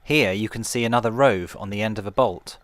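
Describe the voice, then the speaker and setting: Low-voiced man, calm museum-guide narration. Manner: calm, measured, explanatory museum-guide delivery. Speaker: tour guide narrator of a shipwreck dive trail. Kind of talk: scripted guided-tour narration.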